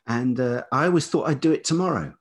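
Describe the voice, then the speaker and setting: Talking fast at medium pitch with a breathy edge, this middle-aged English writer and musician has a velvety voice. On the podcast as a guest, he's thoughtful and hesitant, repeating words as he searches for them. He's from England.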